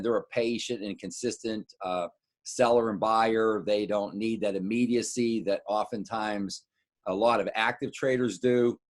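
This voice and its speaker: Speaking at a fairly low pitch, a middle-aged American man who works as a wealth adviser walks clients through a casual market recap. His delivery stumbles and repeats itself as he stops to explain things along the way.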